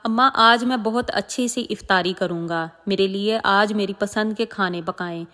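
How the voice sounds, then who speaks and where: An earnest, stubborn young boy speaks his few lines, as a woman storyteller puts him on. The reading has a middle pitch and a long echoing room tail. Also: sharp tone, lightly acted.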